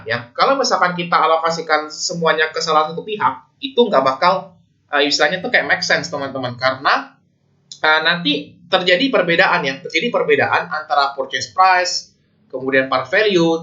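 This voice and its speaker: This accounting lecturer, an Indonesian-accented man, keeps his explanatory lecture informal and conversational, often checking in with listeners. At normal speed, his fairly high voice sounds animated, pushed and bright, though the audio is dull.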